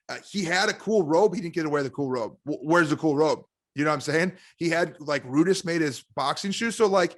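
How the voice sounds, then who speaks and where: A man chatting casually as a guest on a podcast, an animated and excitable wrestling fan. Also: on the high side. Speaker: guest commentator.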